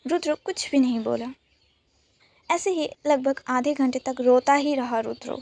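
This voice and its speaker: High-voiced woman reading a romance story. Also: unhurried, vocal fry, darkish tone. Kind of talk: scripted narration of a romance story.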